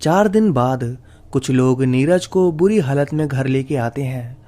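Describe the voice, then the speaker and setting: A man's voice: mid-range voice, measured pace, dark tone. A man narrating a horror story in a suspenseful, dramatic storytelling manner.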